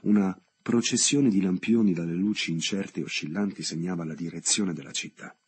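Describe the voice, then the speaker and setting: A man reading a literary novel aloud in a measured, dramatic way, with long pauses between phrases. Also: deep voice, a little mellow, breathy edge. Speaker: audiobook reader. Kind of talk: scripted literary narration.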